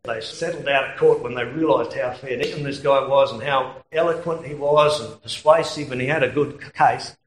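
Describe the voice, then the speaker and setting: A man's voice: medium pitch, normal speed, hardly any pauses, reverberant, a little hiss or hum, low-quality recording. A man with an Australian accent preaching a sermon in a conversational way, telling anecdotes and chuckling at his own stories.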